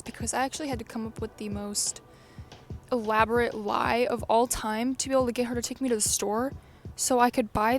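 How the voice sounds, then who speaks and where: Brash, swearing young woman, a bit high. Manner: blunt, swears a lot, excitable. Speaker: vlogger. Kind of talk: casual chat to camera. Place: sunny, windy backyard outdoors. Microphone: phone held by hand.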